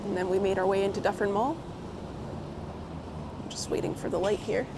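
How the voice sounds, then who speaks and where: Speaking fairly quickly in a mid-range voice with fairly even intonation, a woman chats on a live stream as she walks a windy city street. She's friendly, laughs often, greets viewers by name, and sounds slightly hoarse from a cold she's getting over. Her clip-on coat mic also picks up traffic and wind.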